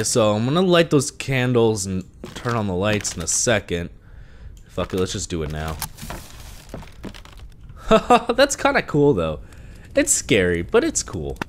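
A young gaming video creator, congested from allergies, nervously talks himself through a horror game into a headset mic in a small room at home. His voice is fairly low and stuffy, with slight background noise.

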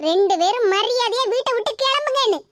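A woman's voice: very high-pitched, fast, a bit bright, no room sound. A woman voicing a sly, spoiled young sister-in-law in a cartoon, speaking with a Tirunelveli Tamil accent in a taunting, fake-wailing manner.

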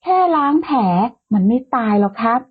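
A woman's voice: on the high side, normal speed, husky. A woman voicing a small, stubborn young man who scolds and protests, with a tinny phone-like sound. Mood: scolding. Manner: scolding and sharp-tongued.

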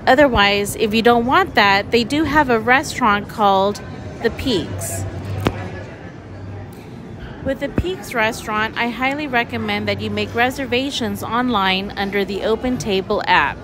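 A woman narrating her travel vlog, calmly giving viewers tips. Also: a little high, a little slow, music in the background. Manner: informative, recommending tips. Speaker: travel vlogger. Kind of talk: voice-over narration.

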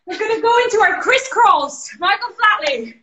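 A woman with an Irish accent leading a live workout class over a video call, energetic, counting down reps and cheering people on. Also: very high voice, normal speed, roomy sound, poor audio. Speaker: fitness instructor.

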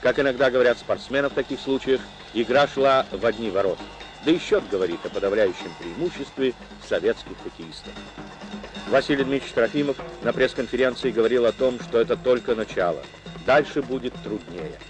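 A man's voice: medium pitch, brisk. A man narrating an old newsreel in a formal, declamatory reporting manner. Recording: narration over loud music.

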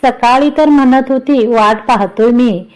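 A woman's voice: a little high, unhurried, darkish tone, natural voice, low-quality recording. A woman reading the part of an impatient, lovesick young husband, grumbling and irritated, in a storybook-style narration.

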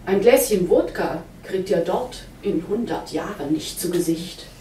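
A woman's voice: lowish voice, animated, measured pace, dark tone, a little hiss or hum. A woman voicing a sly male trickster who poses as a messenger from heaven, in a mock-solemn, wheedling tone, read in a roomy hall from a distance.

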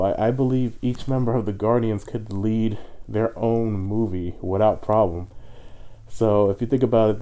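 A man's voice: lowish voice, mellow. A man reviewing a film in casual, enthusiastic chat, full of fillers, speaking muffled through a costume head. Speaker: movie reviewer. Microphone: muffled inside a fursuit head.

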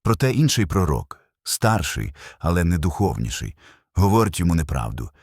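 Deep husky solemn male preacher. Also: big pitch swings, moderate pace, no echo, clean studio sound. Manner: solemn, emphatic, builds with short repeated phrases. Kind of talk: scripted sermon narration.

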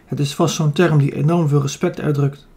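A man's voice: fairly high pitch, fairly even intonation, normal speed, dark tone, close to an everyday voice. A man voicing a young male warrior who teases his friend in a dry, grinning way. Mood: teasing. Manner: teasing, dry.

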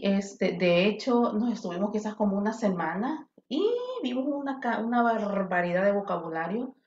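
A woman's voice: mid-range voice, a little mellow. A talkative woman teacher leads an online class. Her voice comes through a roomy, muffled connection with faint noise behind it. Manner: chatty, switches between English and Spanish. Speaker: English teacher. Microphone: video call. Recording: echoey, dull audio with faint noise.

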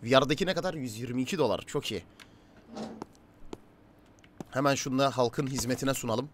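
A man giving casual let's-play commentary, chatting to game characters and his viewers, swinging from low mutters to loud calls. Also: normal speed, slight background noise. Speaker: gaming YouTuber.

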